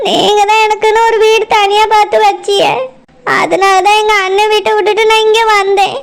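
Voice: very high voice, level tone, creaky, voice pushed down. [name], a performer doing a crying meek young wife. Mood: pleading. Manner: soft, pleading and slow. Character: meek tearful second wife, young village woman.

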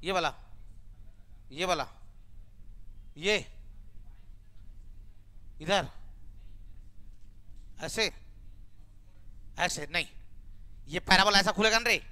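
A man's voice: sits high, extremely slow, long pauses, pushed and bright. A man teaching a maths class, coaxing students to answer with repeated rhetorical questions and homely examples.

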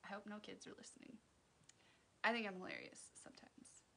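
A woman's voice: mid-range voice, huge pitch swings, a little fast, gravelly, whispered. Chatty joking woman doing makeup. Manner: chatty, joking, laughs at her own jokes. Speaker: makeup tutorial host. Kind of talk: casual livestream makeup tutorial. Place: at home.

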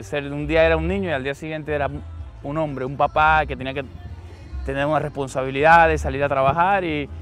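A middle-aged man from Argentina, an interview guest talking earnestly with many pauses and restarts. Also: fairly high pitch. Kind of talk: conversational interview. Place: outdoors.

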